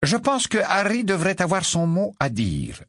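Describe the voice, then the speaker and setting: A man voicing a gentle, measured mentor who speaks slowly and deliberately. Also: high voice, wildly swooping pitch, no echo, clean studio sound, voice pushed up, full character voice. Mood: firm. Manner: slow and deliberate, slightly raised. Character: gentle, measured older friend and teacher.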